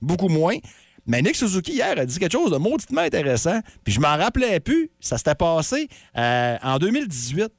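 A woman's voice: on the low side, big pitch swings, no echo. A woman with a Quebec French accent, a morning radio co-host giving a chatty sports report with frequent fillers, speaking into a studio microphone. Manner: brisk, chatty, stumbles with fillers.

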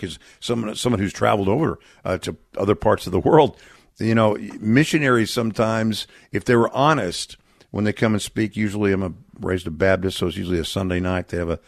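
A middle-aged man from Texas speaks as a guest on a radio interview in an earnest, reflective manner. His voice sits low and carries a gravelly edge. The studio sound is dry and close. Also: no echo. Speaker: charity representative guest.

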